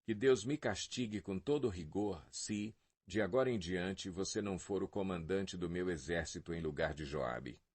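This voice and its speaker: A man's voice: low-pitched, moderate pace, few pauses, a little mellow, husky. A man reading the lines of a grieving old king, a father crying out in anguish, in a Bible audio reading. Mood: urgent. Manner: mournful crying out.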